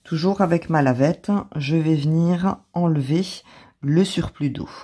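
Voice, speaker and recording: A woman with an accent of her own in French, calmly talking through a craft tutorial step by step as the channel's host. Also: deep voice, measured pace, breathy edge. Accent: non-native or regional French accent. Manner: calm step-by-step explaining.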